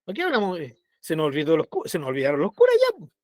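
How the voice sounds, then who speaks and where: Fast and on the high side, a Chilean-accented man's voice comes through with no room sound. He teaches a Bible study conversationally, checking in with his listeners often, and brings it to life by acting out little voices.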